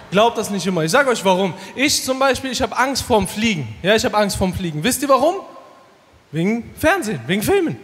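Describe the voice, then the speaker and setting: A man doing punchy, energetic stand-up comedy and hosting a show, talking straight to a live audience. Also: very high-pitched. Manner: punchy, energetic, addresses the crowd. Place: large comedy stage before a live audience. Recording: hall reverb, faint crowd.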